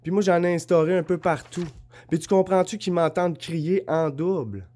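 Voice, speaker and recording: A man's voice: sits high, normal speed, darkish tone. Rambling Québécois man, insistent. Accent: Québécois French. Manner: rambling, insistent, keeps asking "comprends-tu"; shows notes and drawings while talking. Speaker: vlogger. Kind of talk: casual monologue to camera.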